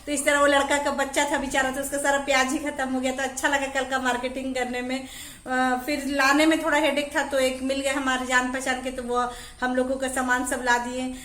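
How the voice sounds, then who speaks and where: A woman, chatting quickly and freely to camera at home as a home vlogger. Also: sits high, completely flat delivery, a bit bright. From Jharkhand, India. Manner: chatty, talks fast. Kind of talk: casual chat to camera. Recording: echoey room with faint music.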